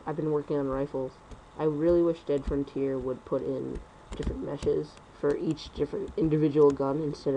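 A young man rambling through casual gameplay commentary at home on a computer mic, talking fast and correcting himself. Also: on the high side, dark tone, slight background noise, poor audio. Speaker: gaming commentator.

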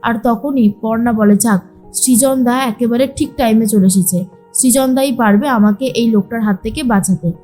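A woman's voice: fairly high pitch, normal speed, mellow, faint music behind. A woman narrating a recap of a TV serial, retelling the scenes and quoting each character's lines with light voice shifts.

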